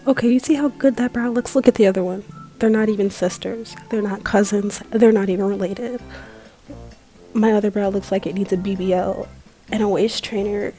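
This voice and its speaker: A woman's voice: mid-range voice, steady tone, moderate pace, mellow. A woman giving a casual makeup tutorial in a giggly, tipsy, rambling way, with slangy, sweary, self-mocking talk. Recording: music playing behind the voice.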